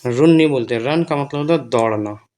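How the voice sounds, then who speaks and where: A man's voice: mid-range voice, a little fast, a little mellow, a little hiss or hum. A man teaching beginners to read English words in a Hindi accent, spelling each word letter by letter and repeating its meaning. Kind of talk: slow spelling and reading lesson.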